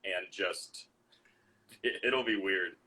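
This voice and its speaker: A man's voice: low-pitched, slow pace, sharp tone, slightly rough. A man co-hosting a podcast in casual chat, dry and joking as he reads out messages from the chat. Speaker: podcast co-host.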